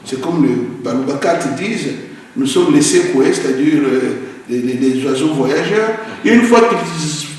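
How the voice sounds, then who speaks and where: Homme congolais au discours insistant, salle résonnante. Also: male voice, a little high, animated, measured pace, a little mellow. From Congo (DRC). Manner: earnest, emphatic, repeats words while searching. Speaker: guest. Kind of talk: interview answers. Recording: echoey roomy hall from a distance, faint noise.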